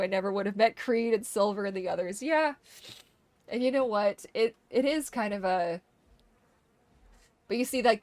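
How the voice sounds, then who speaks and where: A woman's voice: medium pitch, no room sound. A young woman streamer chatting casually and emotionally with her viewers, swearing freely and laughing often. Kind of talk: casual live-stream chat.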